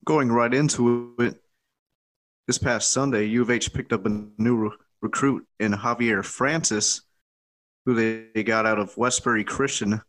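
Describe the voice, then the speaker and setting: A man hosting a casual sports podcast, reading a brisk intro and then asking plain questions. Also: medium pitch, fairly even intonation, a bit bright. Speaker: podcast host.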